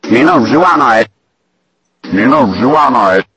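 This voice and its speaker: A man's voice: medium pitch, animated, slow pace, sharp tone, slightly rough, dry recording, distant mic. A man's recorded speech played backwards, with short phrases repeated as clips.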